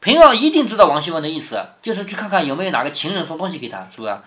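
Man, father reading aloud to his daughter, explanatory commentary, rhetorical questions, lively swinging pitch. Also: racing.

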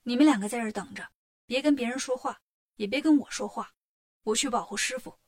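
Woman doing a bold brisk monkey king. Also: a little high, close to an everyday voice. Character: monkey king, bold quick male monkey hero.

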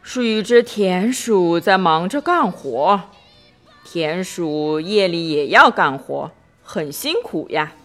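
A woman's voice: lowish voice, slow pace, soft background music. A woman voicing a patient, sleepy male barnyard friend who soothes the little ones to sleep. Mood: soothing. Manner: calm, soothing, yawning.

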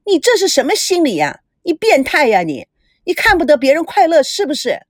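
A woman voicing a spoiled, whiny young woman in a storybook reading, shrill and tearful. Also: animated, takes it slowly, sharp tone, dry recording, clean studio sound, heavily acted. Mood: indignant.

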